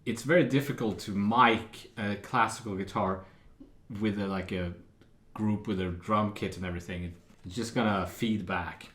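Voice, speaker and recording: A man giving a casual guitar lesson, explaining patterns in a relaxed way with fillers. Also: lowish voice, normal speed, roomy sound. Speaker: guitar teacher. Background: acoustic guitar playing.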